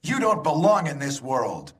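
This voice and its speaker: An actor playing a righteous, defiant monster hunter in a video game with declamatory, theatrical delivery. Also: male voice, on the high side, huge pitch swings, measured pace. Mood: righteous outrage. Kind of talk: video game cutscene acting.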